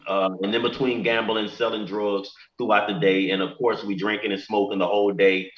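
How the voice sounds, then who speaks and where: A man with a lowish voice shares his own story in casual, candid slang. The sound is muffled, with a clear room echo around him. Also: little pitch movement, brisk. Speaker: interview guest. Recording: echoey room, muffled audio.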